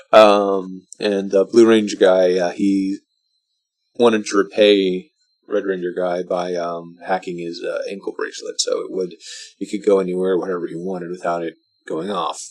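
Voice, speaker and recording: A drunk man giving casual, rambling movie commentary, halting and meandering, often trailing off mid-thought. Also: sits low, level tone, a little mellow, low-quality recording. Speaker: vlogger reviewing a film.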